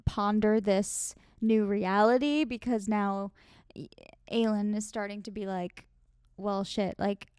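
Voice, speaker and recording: A young woman with a smooth, clear mid-range voice, co-hosting a book-club podcast. She chats eagerly, agreeing quickly and laughing along. The recording is dry and close. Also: mid-range voice, a little mellow, dry recording. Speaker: podcast co-host. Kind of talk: casual book-club chat.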